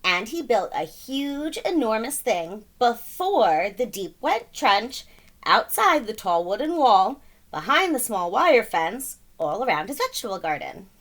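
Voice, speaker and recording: With a voice on the high side, big swings in pitch and a slightly slow pace, a woman narrates a children's story aloud. As a storybook reader she's dramatic, emphatic and playful with sound words in this animated read-aloud.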